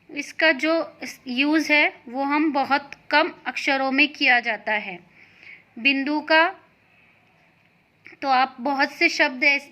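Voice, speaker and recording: Woman teacher, high voice, slow patient delivery, spells out sounds for small children. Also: bright, forceful tone. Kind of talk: classroom lesson for young children.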